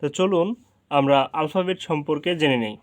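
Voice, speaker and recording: A man teaching an English lesson, saying each letter slowly and repeating it so learners can drill along. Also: fairly high pitch.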